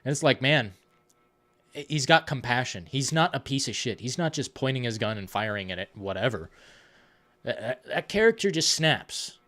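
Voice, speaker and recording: Animated, profane man streaming film chat. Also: medium pitch, moderate pace. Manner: rambling, profane, excitable. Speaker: live stream host.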